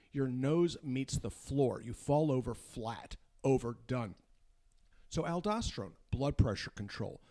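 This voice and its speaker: A man's voice: mid-range voice, dark tone. A man speaking as a guest doctor, giving an informal medical lecture in an emphatic, folksy way with rhetorical questions. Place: unfinished studio.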